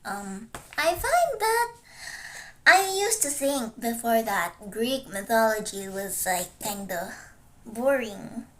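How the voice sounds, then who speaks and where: Studying during her livestream, a Chinese-speaking teenage vtuber from the Philippines talks in an animated, fairly high voice at a slow pace. She meanders and hesitates, correcting herself often and leaning on fillers.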